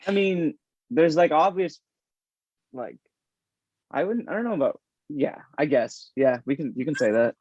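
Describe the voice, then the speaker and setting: A man chatting casually as a podcast guest, animated and rambling, laughing often. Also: on the high side, unhurried, long pauses, no echo. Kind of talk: casual chat. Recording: dull, dry lo-fi sound.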